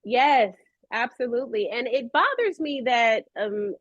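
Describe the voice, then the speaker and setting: This middle-aged American woman tells stories as an interview guest, animated and conversational, using emphatic slang and repeating phrases for effect. Her voice is a little high and she speaks a little slowly; the recording is muffled but has no echo.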